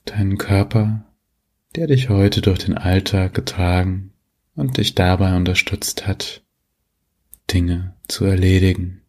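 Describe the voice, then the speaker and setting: Male sleep-meditation narrator. Very slow, deep, soft husky tone, gentle pauses. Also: fairly even intonation. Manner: soothing, gentle, unhurried, with long pauses. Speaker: meditation guide, host.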